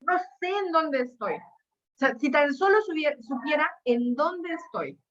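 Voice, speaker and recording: A man's voice: very high-pitched, expressive, unhurried, a bit bright, dull audio, voice pushed up, exaggerated voice. A woman voicing a frightened man lost at sea in a small boat, pleading and tearful. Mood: desperate pleading.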